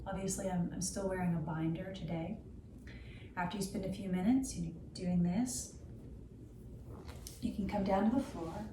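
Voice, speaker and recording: A middle-aged woman gives health instruction to camera as a therapist and yoga teacher, in a measured, explanatory way with clinical vocabulary. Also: on the low side. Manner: measured, explanatory, uses anatomical terms. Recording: roomy, distant mic, noticeable background noise.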